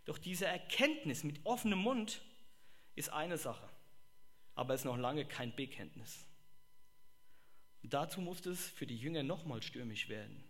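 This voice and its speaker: A man preaches a sermon in a high, bright voice. He talks in an animated way, bursting into exclamations and acting out the people he quotes. His tone is sharp and forward. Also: measured pace, long pauses.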